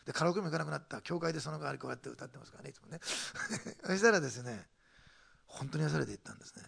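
A man's voice: on the high side, lively intonation, racing, creaky, a bit bright, husky. A man preaching a sermon as pastor, telling a story with emphatic stress and laughing between points.

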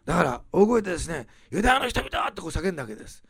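A man preaching a sermon, rising loud on key phrases and dropping to soft, quiet asides. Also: a little high, expressive, very fast, gravelly, husky, dry recording. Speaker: pastor.

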